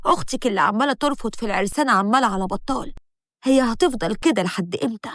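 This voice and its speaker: A woman's voice: fairly high pitch, quick pace, a bit bright, dry recording, clean studio sound, close to an everyday voice. A woman voicing a fretful, scolding middle-aged mother, with an Egyptian accent. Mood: exasperated. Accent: Egyptian Arabic. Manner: exasperated nagging.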